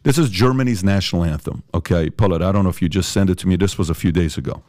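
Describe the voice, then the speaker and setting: Emphatic podcast host, a man from Iran with a very deep voice and a dry, close sound. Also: fast, a little mellow, dry recording. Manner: emphatic and proud, speeds up when riled. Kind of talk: opinionated podcast talk.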